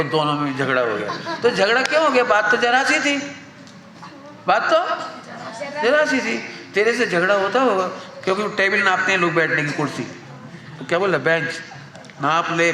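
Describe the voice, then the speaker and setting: A man leading a children's class, telling stories in a lively, playful way and quizzing the kids. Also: high voice. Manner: animated, playful, asks the class questions. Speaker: religious teacher of a children's class. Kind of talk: storytelling lesson for children. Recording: echoey hall with long reverb.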